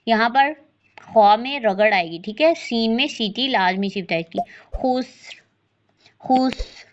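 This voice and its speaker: Woman teaching quran recitation, slow chanting then quick explaining, kinda muffled lo-fi sound. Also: fairly high pitch, animated, a little hiss or hum. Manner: slow drawn-out recitation between brisk explanations.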